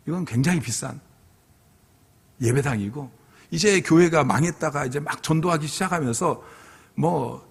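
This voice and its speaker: A middle-aged man preaching at a church revival, telling his own story with deep earnestness. His voice is gravelly and very husky and sits a little high. A long church reverb trails after every phrase. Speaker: pastor. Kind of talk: revival sermon with personal testimony. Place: church sanctuary.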